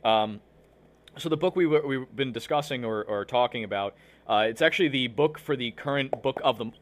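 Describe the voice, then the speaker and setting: A man's voice: medium pitch, brisk. A man hosting a live online show, talking casually and rambling with many fillers while fighting hiccups. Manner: rambling, filler-heavy, restarts often. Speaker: livestream show host. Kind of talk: casual livestream talk to viewers.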